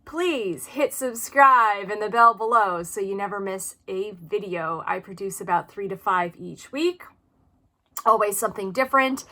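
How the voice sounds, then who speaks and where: A woman in her early forties hosts an informal advice video on her channel, speaking earnestly and with emphasis from personal experience. Her mid-range voice comes across as pushed and bright.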